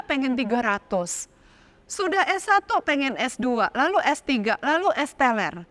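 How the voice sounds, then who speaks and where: Animated, high-pitched nun giving a casual talk to young people. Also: female voice. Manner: lively and animated, acts out little voices and examples.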